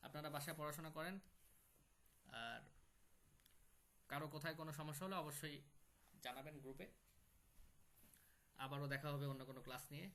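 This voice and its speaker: A man teaching a class with a bright, slightly high voice. He explains each point patiently and says the key terms twice so they stick. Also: steady tone, fairly quick, long pauses. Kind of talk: online class lecture on poetry.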